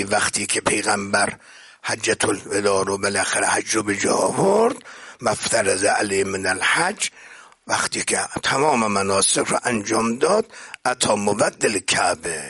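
Husky, forceful male preacher. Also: lowish voice. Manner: recites Arabic passages then paraphrases them, often swelling to loud declamation. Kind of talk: impassioned religious sermon.

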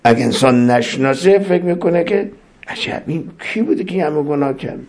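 Male cleric for a sermon: impassioned, swinging from emphatic peaks to near-whispers, intones prayer lines. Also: animated. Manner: impassioned, swings between loud emphatic rises and low soft passages; chants Arabic supplications then translates them. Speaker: cleric preacher.

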